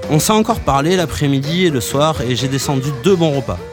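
Man reading a story calmly. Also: on the high side, fairly quick, music in the background. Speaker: narrator. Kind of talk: audiobook reading.

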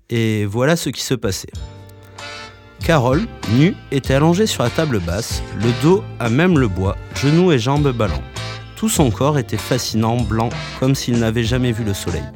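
A man narrating a story in a calm, matter-of-fact way. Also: mid-range voice. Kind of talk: audiobook reading.

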